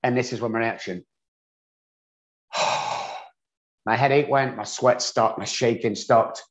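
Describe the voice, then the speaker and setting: A man's voice: medium pitch, measured pace. English guy telling his story, blunt and joking at himself, kinda muffled audio. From England. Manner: candid, self-deprecating storyteller. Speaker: guest. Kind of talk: storytelling interview. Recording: dull lo-fi audio.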